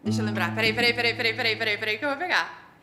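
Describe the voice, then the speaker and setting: A Brazilian woman who teaches English, explaining her method in a lively, teacherly way and quizzing the host. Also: a little high, very fast, over music. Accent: Brazilian Portuguese. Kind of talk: explanatory interview talk.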